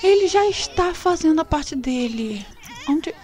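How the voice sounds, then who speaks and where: A Brazilian woman casually commenting on a life-sim game, animated and dramatic, voicing her character's lines. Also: a little slow. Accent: Brazilian Portuguese. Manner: animated, swings into high dramatic outbursts. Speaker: gameplay streamer.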